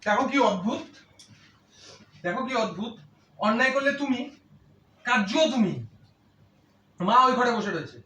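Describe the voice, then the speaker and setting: Indignant high-voiced Bengali man scolding. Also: lively intonation, normal speed, pauses often, sharp tone, echoey room, far from the mic. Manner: indignant, repeats himself, scolding. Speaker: husband in a prank video. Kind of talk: heated domestic argument.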